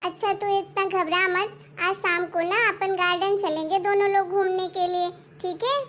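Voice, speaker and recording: Pleading young cartoon daughter-in-law. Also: female voice, extremely high pitch, flat delivery, normal speed, a bit bright, slight background noise. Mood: caring. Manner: pleading, earnest. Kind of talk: cartoon story voice acting.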